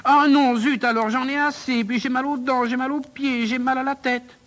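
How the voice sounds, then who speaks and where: A man's voice: sits high, flat delivery, slow pace, fairly bright tone, voice pushed up. A man voicing a whiny, aching young pupil. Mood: whining.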